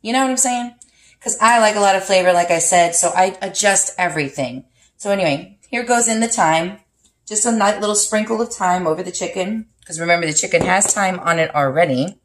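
A woman's voice: mid-range voice, a little fast. A woman hosting a home cooking vlog, chatting casually and giving step-by-step instructions as she cooks in her kitchen. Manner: chatty, instructive, counts out spice shakes.

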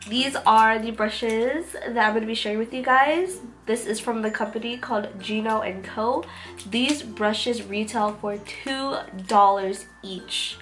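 In a small room at home, a woman in her twenties gives a casual, gushing makeup review as a beauty vlogger, with music playing in the background. She is getting over a cold, so her fairly bright, high-leaning voice sounds nasal and congested.

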